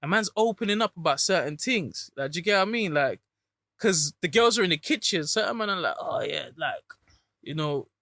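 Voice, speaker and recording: A man's voice: sits high, lively intonation, fairly quick, pushed and bright, dry recording. A man in his thirties with a London accent, chatting casually as an interview guest in roadman street slang. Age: 30s. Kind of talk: casual chat.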